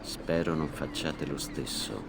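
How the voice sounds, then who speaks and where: A man voicing a stern, commanding conspirator lord in a video game, grave and measured. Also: very deep voice, gravelly, background noise, full character voice. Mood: stern, menacing. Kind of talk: video game cutscene acting.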